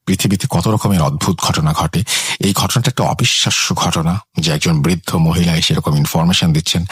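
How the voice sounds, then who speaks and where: Male host of a ghost-story show, very low and husky, measured dramatic narration. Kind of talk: scripted horror story narration.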